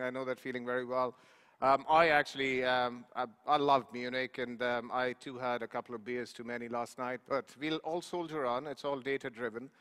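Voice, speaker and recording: Bright-voiced man bantering on stage. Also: medium pitch. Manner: chatty, jokey, repeats words. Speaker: company executive introducing a panel. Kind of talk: casual stage banter with the audience. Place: large conference hall stage. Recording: echoey hall sound.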